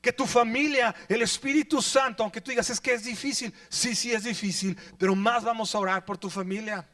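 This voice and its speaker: A pastor delivers a sermon. He tells the scripture as a story and keeps questioning his listeners. His voice sits unusually high for a man. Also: steady tone, fairly quick, pushed and bright. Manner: storytelling, asks the congregation questions.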